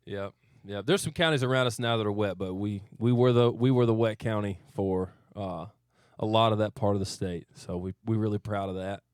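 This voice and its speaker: A country singer in his thirties from Arkansas answers questions modestly and thoughtfully in a casual radio studio interview. His voice is on the low side, brisk, and clean, captured dry on a studio mic with studio quality.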